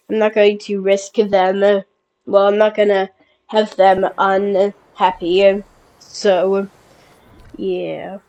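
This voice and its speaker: Stuffy-nosed from a cold, a woman makes relaxed commentary on her park-building game for a video. She keeps stopping and starting, correcting herself and filling gaps, her middle-range pitch rising a little in excitement at cute things. The sound is poor.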